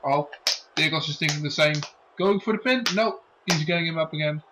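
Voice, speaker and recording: A man's voice: on the high side, fairly quick, very noisy. A man working as a wrestling commentator, making dramatic calls and drawing out key phrases.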